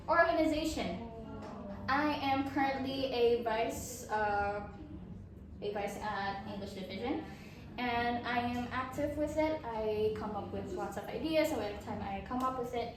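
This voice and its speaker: A teenage girl from Indonesia presents her student portfolio in a chatty, upbeat way, with fillers and restarts. Her voice is fairly high, with background noise. She's recorded from far off in a very echoey room, with a crowd behind her.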